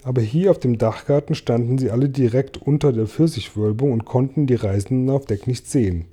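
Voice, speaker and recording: A man reading a children's story aloud with lively, expressive narration. His voice is very dark and mellow, and his pitch sits in the middle range. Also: fairly quick, husky. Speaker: audiobook reader.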